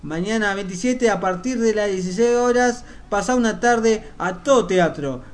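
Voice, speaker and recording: A man with an Argentine accent hosting a local radio show, reading community announcements in a halting way, repeating and correcting himself. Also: sits high. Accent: Argentine Spanish.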